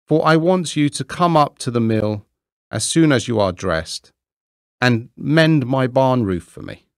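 A man's voice: mid-range voice, lively intonation, unhurried, dry recording, clean studio sound, pitched above the performer's own voice. A man voicing a self-righteous male miller who lectures in a raised, pompous tone. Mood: smug. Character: smug, preachy grown male miller.

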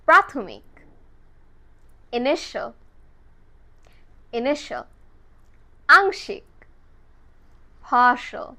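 A high-pitched woman leads a pronunciation lesson. She speaks very slowly with a bright, sharp tone and says each word several times. She talks straight to the viewers. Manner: slow, drawn-out repetition of each word; addresses viewers directly, mixing in English phrases. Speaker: English pronunciation teacher.

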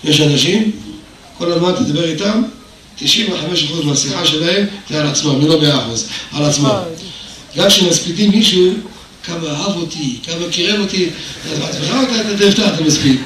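An older man giving a Torah lecture, telling stories and acting out the dialogue, with emphatic bursts. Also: fairly high pitch. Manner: storytelling, acts out dialogue, rises to emphatic bursts. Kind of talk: sermon with told anecdotes. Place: hall of a religious institution. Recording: very echoey hall, voice from far off, faint noise.

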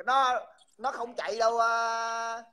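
Man, bright voice, mocking and insulting, repeats himself, livestream host. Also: very high voice, level tone, slow pace. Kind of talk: heated livestream taunting.

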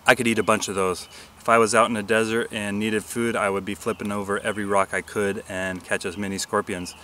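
Briskly and with little pitch movement, a forties-aged bushcraft host explains survival cooking outdoors in a grassy park. His low-leaning voice sounds pushed and bright, his delivery plain and filler-heavy, and there's slight background noise.

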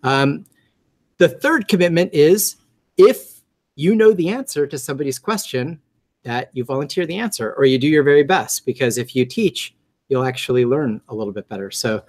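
A man with a high, nasal voice, hosting a meetup in a chatty, joking way with many ums and restarts. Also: lively intonation, moderate pace, a little mellow. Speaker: meetup host. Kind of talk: casual talk to a group.

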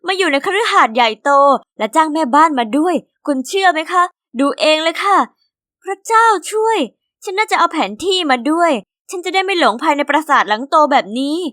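A woman narrating an animated story in the first person, chatty and talking straight to the listener. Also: high voice, brisk, hardly any pauses, dry recording, clean studio sound. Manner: chatty, speaking directly to the listener.

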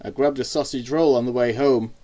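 A man voicing a quick-tempered, curious twelve-year-old girl in an audiobook story. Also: mid-range voice, fairly even intonation, lightly acted. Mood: exasperated. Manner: sharp, exasperated.

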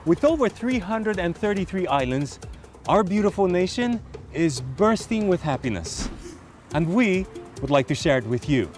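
Cheerful Fijian show host, higher voice. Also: male voice, big pitch swings, moderate pace, a little mellow, faint music behind. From Fiji. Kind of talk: upbeat TV show presenting. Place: sunny beach outdoors.

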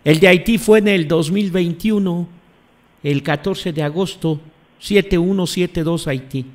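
Guy doing live commentary, kinda high voice, repeats himself for emphasis. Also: a little slow. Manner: emphatic, repeats phrases and questions the audience. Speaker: host.

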